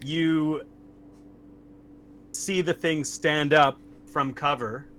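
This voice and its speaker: A man running a tabletop horror game as game master, narrating in a casual, halting way. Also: a little high, fairly even intonation, fairly bright tone, a little hiss or hum.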